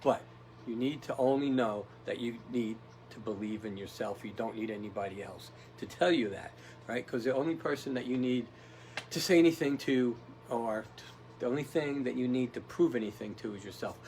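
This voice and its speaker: A man's voice: medium pitch, moderate pace, a little mellow, slight background noise, low-quality recording. A man giving a casual motivational talk, rambling and tough-talking, often checking in with "right?". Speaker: motivational speaker.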